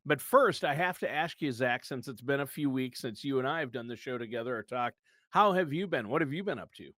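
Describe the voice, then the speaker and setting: A man's voice: mid-range voice, expressive, a little fast, a bit bright, no echo, clean studio sound. A man in his fifties co-hosting a podcast in casual chat, chatty and joking, laughing often. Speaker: podcast co-host.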